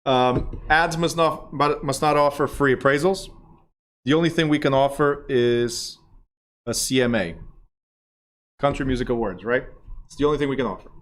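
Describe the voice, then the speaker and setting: Speaking at a moderate pace with frequent pauses, a middle-aged real estate school director teaches a live class in a mid-range voice. His style is loose and chatty, full of questions to students and repeated "right?" check-ins.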